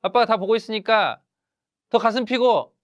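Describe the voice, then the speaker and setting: A man acting out a boy who speaks as his own father, loudly and insistently urging himself to stand tall. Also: high-pitched, animated, normal speed, no echo, muffled recording, voice pushed up.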